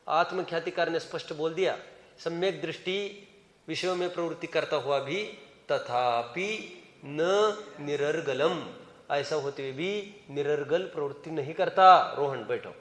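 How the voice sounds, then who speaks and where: A man's slightly high, somewhat bright voice fills an echoey hall as he teaches scripture. He questions his students by name and keeps asking them to raise their hands.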